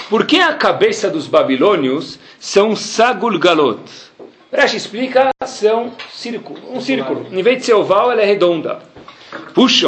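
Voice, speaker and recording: A man teaching a Talmud class, telling the story animatedly and acting out the characters in quick voices. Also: high voice, echoey room, slight background noise. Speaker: Torah teacher giving a class.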